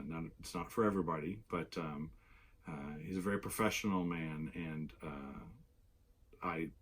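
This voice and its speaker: A deep-voiced man, a little hoarse from having lost his voice, hosts his knitting vlog. He chats casually and rambles, filling his talk with lots of fillers.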